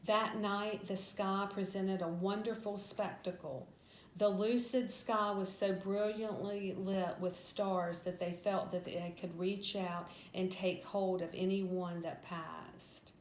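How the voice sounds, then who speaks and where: A woman with a mid-range voice reads a scripted Bible story as a Sunday school teacher. Her delivery is that of a storyteller working through a narrative. The room is clearly echoey, with faint noise behind her. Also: medium pitch, fairly even intonation, slow pace. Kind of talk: reading a scripted Bible story lesson aloud.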